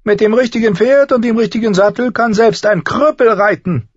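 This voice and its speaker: A man voicing a sardonic, sharp-tongued small nobleman who needles the people around him. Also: high voice, moderate pace, dry recording, voice pushed up. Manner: mocking, cool and needling. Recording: slightly dull audio.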